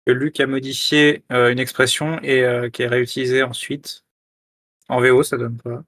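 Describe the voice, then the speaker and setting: A man co-hosting a casual podcast chat, calm and low-key with a deadpan manner. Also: moderate pace, dry recording, clean studio sound. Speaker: podcast co-host.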